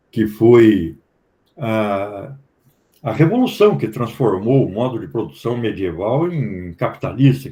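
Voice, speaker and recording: A man with a Brazilian Portuguese accent, a professor explaining history to a study group in an unhurried lecturing manner with frequent tag questions. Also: lowish voice, mellow. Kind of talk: academic discussion.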